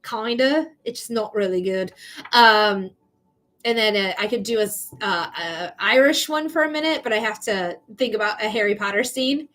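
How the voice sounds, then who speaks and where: Her mid-range voice is fairly bright and moves at a moderate pace as she runs a live psychic reading stream. Chatty and bubbly, this Michigan woman from the United States laughs frequently while talking casually to viewers, her accent clearly from that state.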